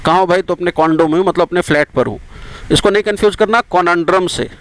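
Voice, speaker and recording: A man with an Indian accent teaching English vocabulary for competitive exams. He explains each word in Hindi and repeats the English words slowly to drill their pronunciation. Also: high voice, background noise. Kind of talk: vocabulary lesson for exam prep.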